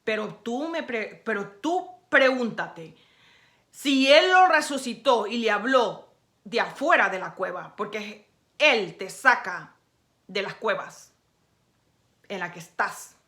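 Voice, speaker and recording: A woman preacher delivering a sermon. She speaks straight to the listener, exhorting and scolding. She swings from quiet, low stretches to loud, raised passages. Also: expressive, slow. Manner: emphatic, exhorting the listener directly.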